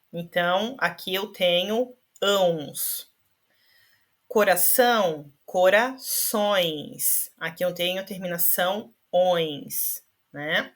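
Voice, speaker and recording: A woman teaching a grammar lesson over slides, patient and checking in often with her listeners, slowing down to spell out word endings. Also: lowish voice, a bit bright. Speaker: Portuguese teacher.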